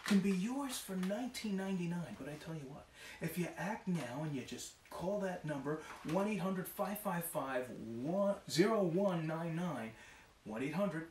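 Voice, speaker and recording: Man, middle-aged, hard sell ad pitch, emphatic salesman, echoey small office, distant camera mic. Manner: emphatic, repetitive salesman talk. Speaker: infomercial pitchman. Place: small wood-panelled office. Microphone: camera across the room. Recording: distant roomy camera sound, faint noise.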